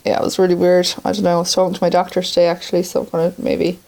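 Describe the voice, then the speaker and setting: A woman's voice: fairly low pitch, monotone, very fast, a little mellow. An Irish woman co-hosting a podcast, chatting casually in a colloquial way. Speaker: podcast co-host. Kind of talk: casual chat.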